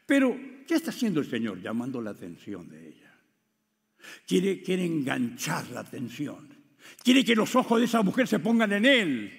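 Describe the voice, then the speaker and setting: A high-pitched male preacher with a very lively, animated delivery. He swings from ringing exclamations down to quiet asides, and a long reverb trails behind his voice. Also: normal speed, gravelly. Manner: dramatic swings between loud exclamations and hushed asides. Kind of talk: sermon.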